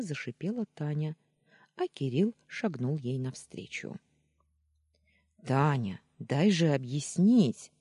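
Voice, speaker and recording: A narrator with a warm, husky voice reads a first-person novel slowly, with lively pitch swings. The recording is dry and close to the mic, with no room sound. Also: male voice, dry recording. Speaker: audiobook narrator.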